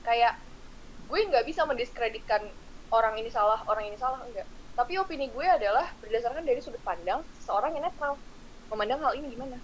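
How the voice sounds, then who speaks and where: Brief: teenage woman guest, 19, Jakarta slang accent, brisk higher voice, faint hiss behind. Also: expressive, rough recording. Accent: Jakarta slang Indonesian. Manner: quick, earnest, explains her opinions at length. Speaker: podcast guest. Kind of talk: casual chat.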